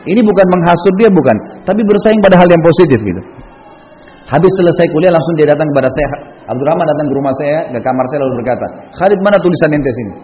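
Fast-talking male preacher in an echoey hall. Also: fairly high pitch. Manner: casual, anecdotal, frequent conversational tags. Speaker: Islamic preacher. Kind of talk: storytelling sermon. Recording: echoey hall, dull lo-fi sound.

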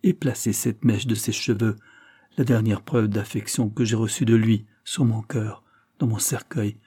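Frail young english lady begging softly, man reading puts her on, husky dark voice, dry close sound. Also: lowish voice, fairly even intonation, measured pace, no echo. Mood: pleading.

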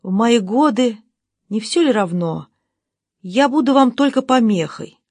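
Woman narrator as timid older aunt, fretful, high-ish voice. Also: lively intonation, measured pace, darkish tone, no echo. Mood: resigned.

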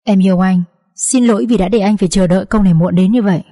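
A woman's voice: medium pitch, fast, mellow, close to an everyday voice. A woman voicing a young wife who pleads with her unconscious husband in a tearful, choked voice. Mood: tearful, pleading.

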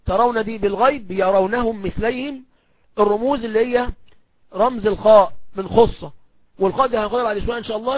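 A man speaking with an Egyptian accent, teaching in a recorded course lecture. He explains step by step, poses questions and answers them himself, and slows right down to recite lines of verse. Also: sits high, no echo, highs cut off. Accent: Egyptian Arabic.

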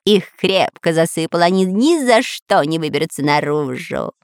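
Casting: smug storybook parrot sidekick, voiced by a woman, gleeful and gloating, slightly lower. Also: lively intonation, moderate pace, smooth, dry recording, studio quality. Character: gloating chatty parrot henchman.

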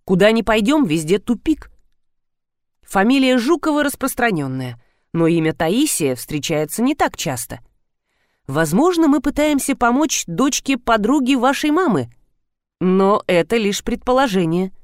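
A woman narrating an audiobook in a brisk, expressive first-person telling. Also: fairly high pitch, no echo, studio quality. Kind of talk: audiobook reading.

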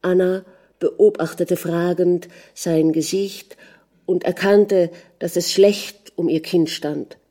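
Warm-voiced woman narrating an audiobook. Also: on the low side, steady tone, slow. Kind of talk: scripted literary narration.

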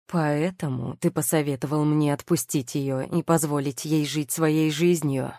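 A passionate young lord speaking in hard, barely held fury, read by a woman for an audiobook. His lines come out firm and clipped in a low, dark voice. The recording is close and dry. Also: fairly even intonation, unhurried, no echo. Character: angry, passionate young male lord in love. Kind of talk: audiobook character reading.

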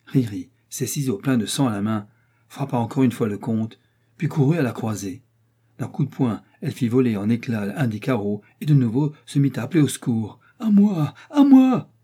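Husky-voiced man narrating a novel. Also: mid-range voice, dark tone. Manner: measured, theatrical storytelling. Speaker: audiobook narrator. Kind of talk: dramatic audiobook reading.

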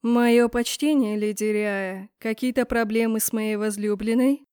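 An icy young lord, as a woman reader puts him on speaks slowly and evenly with a faint mocking edge. The sound is close and dry. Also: a little high, mellow, dry recording, natural voice. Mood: cool. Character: cool, mocking young male lord, an academy rector.

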